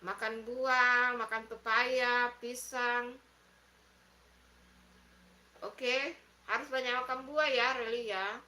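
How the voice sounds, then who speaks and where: Live stream host: middle-aged woman, Indonesian accent, high bright voice, motherly and chatty, recorded on a phone in an echoey room. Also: fairly even intonation, slow, pauses often. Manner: motherly, chatty, repeats herself while reading comments. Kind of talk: casual live stream chat reading comments.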